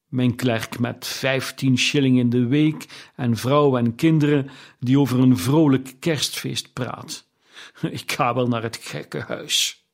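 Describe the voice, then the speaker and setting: Curt, loud old miser, put on by a male reader, slow and grumbling. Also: mid-range voice, steady tone.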